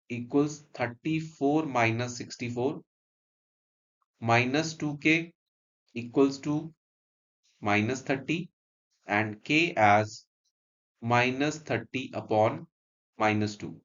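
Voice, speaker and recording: A man's voice: mid-range voice, takes it slowly, long pauses, a bit bright, muffled recording. A man with an Indian accent teaching maths step by step, mixing English and Hindi, repeating phrases and checking understanding with short questions.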